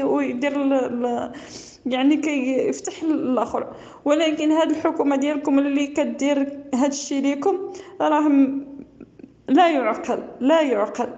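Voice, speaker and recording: A Moroccan woman speaks over a landline phone, her high voice rushing along in a pleading, tearful way. She keeps repeating phrases and breaking off mid-word. The phone line is dull and lo-fi, and her tone is mellow. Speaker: caller. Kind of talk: emotional call-in complaint.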